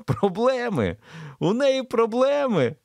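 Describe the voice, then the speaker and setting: A man's voice: extremely high pitch, huge pitch swings, takes it slowly, a little mellow, no echo, studio quality, pitched above the performer's own voice, exaggerated voice. A man doing a falsely charming menacing man. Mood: persuasive. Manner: smooth, apologetic, persuasive. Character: menacing man feigning calm apologetic charm.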